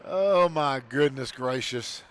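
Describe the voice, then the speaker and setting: A man calling high school football play-by-play, shouting on big plays. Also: slow pace, a little hiss or hum. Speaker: play-by-play announcer.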